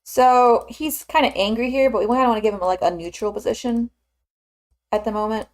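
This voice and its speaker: While working on 3D models, a streamer in her twenties from the American South chats casually, rambling and using plenty of filler words. Her voice is on the high side, and her pace is brisk.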